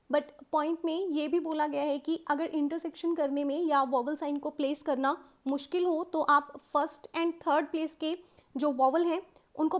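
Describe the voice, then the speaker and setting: An Indian woman with a high, light voice gives a step-by-step shorthand lesson. She talks patiently and keeps checking in with her students. She slows right down when she dictates the rules. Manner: patient explaining, frequent "okay" checks, mixes English terms into Hindi; slows right down to dictate English rule lines. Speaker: shorthand teacher.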